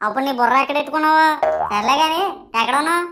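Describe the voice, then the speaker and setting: A voice actor playing a scheming teenage schoolboy friend in an animated comedy who talks in a quick, offhand way. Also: high-pitched.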